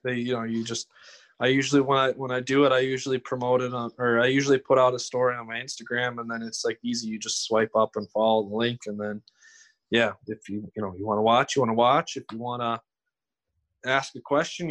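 Casual guest: young guy, rambles, restarts a lot, mid-pitched voice. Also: level tone, fairly bright tone. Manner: rambling, halting, repeats himself. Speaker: guest streamer. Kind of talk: casual podcast chat.

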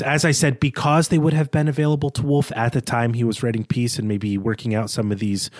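A man with a mid-range, slightly mellow voice co-hosts a literary podcast, presenting his reading of a novel. He works through a prepared argument in a discursive, bookish, self-deprecating way, and the dry recording has studio quality.

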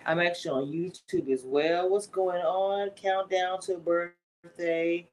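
Her voice is lowish and a little mellow, with fairly even intonation. She's a woman in her forties hosting a livestream, chatting casually with viewers and stretching out her words, though the recording is rough.

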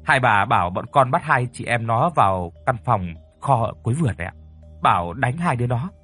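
A man's voice: medium pitch, animated, brisk, a bit bright, husky, soft background music. A man voicing a frightened young male servant who stammers and speaks deferentially. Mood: stammering.

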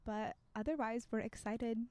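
A woman's voice: fairly high pitch, moderate pace, a little mellow, smooth, no room sound. Chatty young woman, dry close mic. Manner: chatty, reassuring, many "like" fillers, laughs often. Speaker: podcast co-host. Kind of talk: casual chat.

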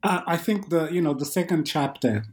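A middle-aged man with an Angolan accent answers interview questions as an academic guest, haltingly, often repeating words. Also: fairly high pitch, animated, a little mellow. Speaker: academic author, podcast guest.

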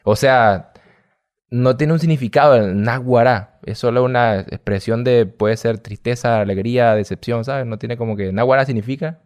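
A man's voice: mid-range voice, normal speed, darkish tone. A young man from Venezuela with a Venezuelan accent, telling stories in a casual, slangy interview chat as a guest. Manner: chatty, storytelling, slangy. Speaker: guest, gamer youtuber.

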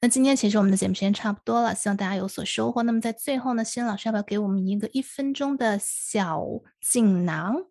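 A woman's voice: mid-range voice, fast talker, few pauses, a little mellow, dry recording. A woman co-hosting an English lesson in Mandarin, asking questions and retelling her own mistakes with animation. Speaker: co-host. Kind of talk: casual hosted chat.

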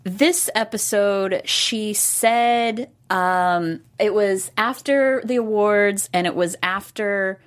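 A woman's voice: medium pitch, takes it slowly, few pauses. Chatty woman hosting a review show. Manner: chatty, rambling with restarts. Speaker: host. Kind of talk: casual review chat.

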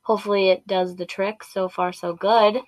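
A woman's voice: mid-range voice, flat delivery, normal speed, no echo. A woman hosting a casual solo podcast, recording herself inside a small closet on a home sound system and laptop, rambling with many asides. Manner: rambling, chatty, full of "um" and "anyway" asides. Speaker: podcast host.

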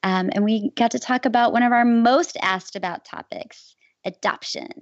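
A woman hosting a podcast, making casual announcements in an excited, emphatic way. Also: on the high side, moderate pace, no room sound. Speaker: podcast host. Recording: dull, slightly lo-fi close recording.

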